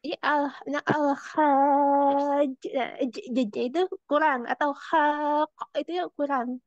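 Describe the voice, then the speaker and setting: A woman student asking her teacher hesitant, halting questions in an online class. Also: sits high, level tone, no room sound, dull audio.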